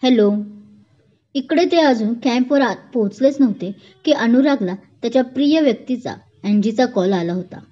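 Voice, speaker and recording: A woman reading a romance story aloud with soft, emotive narration. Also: on the high side, lively intonation, normal speed. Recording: dull lo-fi recording.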